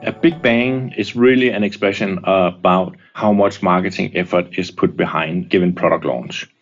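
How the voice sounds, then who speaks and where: A man being interviewed, explaining in a measured, businesslike way. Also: low-pitched, steady tone, highs cut off, soft background music. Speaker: interviewed former company director.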